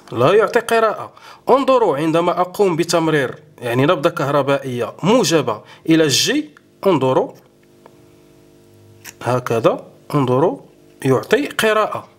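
Man demonstrating electronics, lively pitch. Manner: explanatory, keeps saying "look" to viewers, frequent hesitations. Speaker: electronics tutorial host. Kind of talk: hands-on demonstration tutorial.

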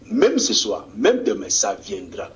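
A man's voice: lowish voice, huge pitch swings, a little slow. A man from DR Congo, a political activist answering an interview in a fervent, rousing way, often stumbling and repeating words. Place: Congolese diaspora community in Australia. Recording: dull lo-fi TV recording.

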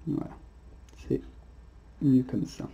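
Very dark-voiced man chatting through an unboxing. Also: muffled recording. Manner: unhurried, chatty, peppered with "hop" and hesitations. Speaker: unboxing presenter. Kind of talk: casual unboxing narration.

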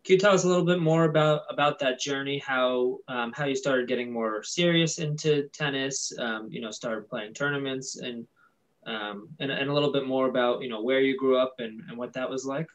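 A young adult man hosting a podcast interview over a video call, upbeat and halting with fillers. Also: medium pitch, fairly even intonation. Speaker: podcast host. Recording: dull lo-fi call audio.

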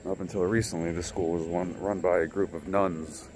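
With a deep voice at normal speed, a vlogger casually talks through his handheld-camera tour of a campus, heading indoors to a building with a rooftop greenhouse. Background noise accompanies his easygoing commentary.

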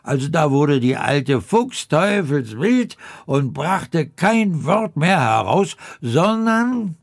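A man's voice: mid-range voice, vocal fry, no room sound, clean studio sound. A man reading a comic fairy tale aloud in a droll, theatrical way, with dramatic swoops and wry asides. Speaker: reader.

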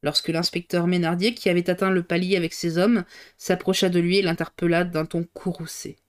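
A woman reading a novel aloud on a live stream, steady but with occasional slips and self-corrections. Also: fairly low pitch, a little fast, clear, resonant tone.

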